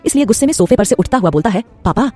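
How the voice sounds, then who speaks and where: A woman narrating a dramatic audio drama at a quick, brisk clip, her pitch sitting in a middle range. Faint background music runs under the narration. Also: animated, warm tone, no echo. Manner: brisk storytelling.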